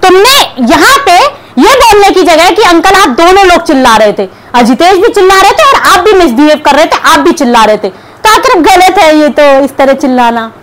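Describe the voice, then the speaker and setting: A young woman vlogger delivers combative reaction commentary to camera, scolding and sarcastic. Her voice is extremely high-pitched with lively intonation at a normal speed, and clear background noise is audible.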